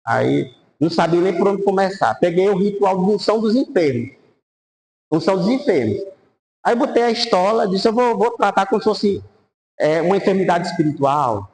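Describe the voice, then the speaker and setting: Man, priest, lively storytelling, highish voice. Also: moderate pace, poor audio. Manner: animated anecdotes, voice rising and falling. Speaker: priest teaching a Bible course.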